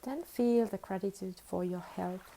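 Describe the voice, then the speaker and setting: A female teacher leads a guided meditation, giving soothing, unhurried instructions separated by long pauses. Her mid-range voice is gravelly with a dark tone.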